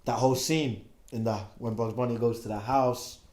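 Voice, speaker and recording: A man's voice: medium pitch, fairly even intonation, moderate pace, a little mellow. A man, a comedian guest, chatting casually on a podcast in a laid-back way with London slang.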